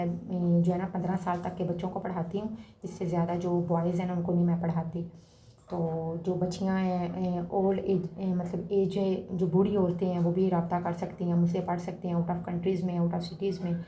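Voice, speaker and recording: A woman teaching a reading lesson, sounding each letter several times with pauses between. Her voice is soft and mellow. The room is echoey, with a faint hum behind her. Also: mid-range voice. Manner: drawn-out sounding of letters, louder on the examples. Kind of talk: slow spoken lesson for children.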